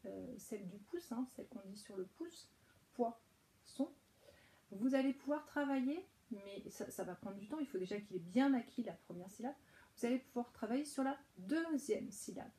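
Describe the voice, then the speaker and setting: A woman's voice: fairly high pitch, lively intonation, a little fast, warm tone, low-quality recording. A woman with a French accent who teaches preschool, patiently explaining an exercise to parents step by step, with many hesitations. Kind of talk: instructional talk to parents.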